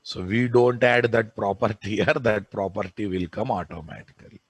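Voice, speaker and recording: A programming lecturer with a Telugu Indian accent gives an informal technical lesson, pressing his students insistently and often asking them questions. His fairly low voice is slightly rough, at normal speed, with no echo.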